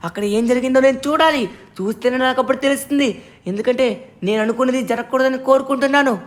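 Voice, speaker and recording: Worried superhero guy pushing to hurry, says things twice, high voice, a woman doing him. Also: steady tone, rapid-fire, lightly acted. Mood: alarmed. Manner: urgent, insistent, repeats himself. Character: anxious male superhero who knows the villain. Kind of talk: game role-play voice-over.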